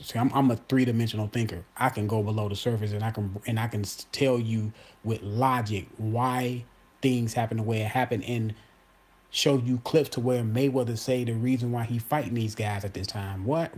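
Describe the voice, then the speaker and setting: A man's voice: medium pitch, darkish tone, slightly rough. A man in his forties giving his opinion in a casual monologue, emphatic and repetitive, talking straight to his viewers. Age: 40s. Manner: emphatic, repeats himself, addresses viewers as y'all. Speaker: boxing commentator host.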